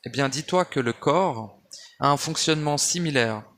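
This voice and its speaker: A man's voice: a little high, normal speed, a bit bright, a little hiss or hum. A man talking at home in a loose spiritual monologue, wandering off track and restarting often. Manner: digressive, many restarts and fillers, addresses listener as tu. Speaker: spiritual speaker. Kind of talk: rambling spoken monologue. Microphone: handheld phone or basic mic.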